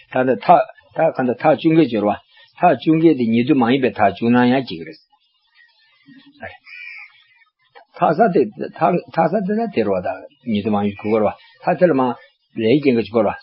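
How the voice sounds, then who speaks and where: An older man giving a religious teaching, explaining at length and checking in with rhetorical questions. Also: medium pitch. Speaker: monastic teacher. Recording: dull lo-fi recording with faint background hiss.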